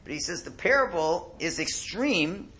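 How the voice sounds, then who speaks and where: A man's voice: high voice, lively intonation, unhurried, bright, forceful tone, rough recording. A rabbi giving a religious text lesson, reading and translating aloud in an explanatory way, his speech slightly off from a cold sore on his tongue. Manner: explanatory, repeats phrases in translation.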